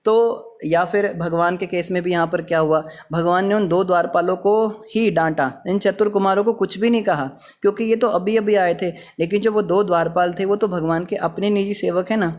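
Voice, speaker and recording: A man's voice: high voice, fairly even intonation, a little fast, hardly any pauses. A man giving a scripture class, explaining with everyday examples and storytelling. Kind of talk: Hindi scripture class sermon.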